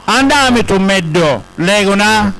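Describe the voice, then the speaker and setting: A man interprets a podium speech in a high voice. He relays it aloud, one short phrase at a time. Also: animated, a little slow, sharp tone, rough recording. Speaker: consecutive interpreter at a ceremony.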